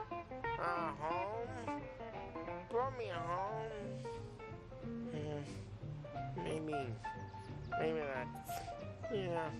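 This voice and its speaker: An actor playing a drunk mobster who talks in slurred, rambling sentences. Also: male voice, heavily acted. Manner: slurred, rambling, swooping pitch. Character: drunk mobster man, boastful then maudlin. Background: game music.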